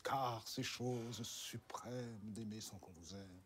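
An actor playing a brisk, imperious middle-aged stage actor in a period film, with hammy, theatrical declamation. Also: male voice, on the low side, fairly bright tone, a little hiss or hum. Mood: dismissive, declaiming.

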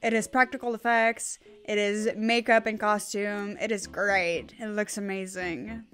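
A woman in her twenties from Quebec, with a French Canadian accent, commenting loudly and profanely on a film. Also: mid-range voice, fairly even intonation, measured pace. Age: 20s. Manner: loud, profane, laughing. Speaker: movie reaction host. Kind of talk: casual movie reaction commentary.

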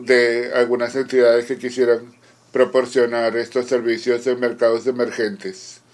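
In this clip, a man interprets at a conference, giving formal simultaneous interpretation through short, careful phrases and halting breaks. His mid-range voice has a darkish tone and barely moves in pitch.

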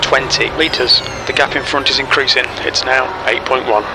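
A man giving terse race spotter radio calls as crew chief, clipped, flat and businesslike. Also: medium pitch, normal speed, close to an everyday voice. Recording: loud car engine noise behind. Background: racing car engine.

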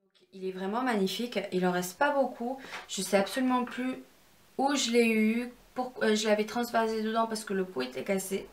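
A woman's voice: fairly high pitch, normal speed, slight background noise. A young woman walking viewers through a makeup tutorial in a chatty, instructive way, with self-deprecating asides. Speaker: beauty vlogger.

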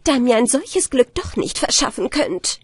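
A woman's voice: fairly high pitch, very animated, a little slow, breathy edge, dry recording, clean studio sound, voice pushed up, heavily acted. Woman reading a jealous, spiteful young daughter. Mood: resentful. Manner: resentful complaining.

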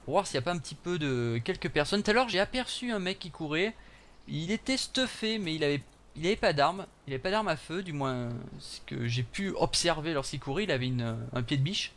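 A man's voice: fairly high pitch, lively intonation, fairly quick, fairly bright tone. A young man chatting through his gameplay for viewers, with joking asides. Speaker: gaming channel host. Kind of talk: live gameplay commentary.

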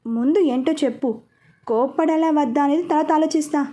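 A woman's voice: high voice, fairly quick, mellow, lightly acted. A woman voicing a stern, protective young man in a storybook reading, speaking firmly and with authority. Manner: firm, commanding.

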